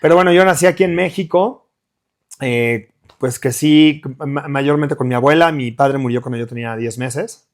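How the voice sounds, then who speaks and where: In a relaxed interview, a middle-aged man from Mexico City appears as a guest musician, meandering with false starts and filler words. He has a Mexican Spanish accent and talks at normal speed in a medium-pitched voice.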